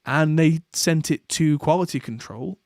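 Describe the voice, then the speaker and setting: A man's voice: a little high, measured pace, a little mellow, no room sound, studio quality. A man hosting a podcast, talking casually in a rambling way with plenty of fillers and restarts. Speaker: podcast host. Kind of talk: casual chat.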